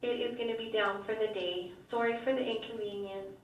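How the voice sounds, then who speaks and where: A woman making a polite, businesslike school announcement over the intercom loudspeaker, heard in a classroom. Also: fairly high pitch, steady tone, brisk. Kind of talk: public address announcement. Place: classroom, heard through a wall speaker. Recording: muffled, echoey intercom heard from far off.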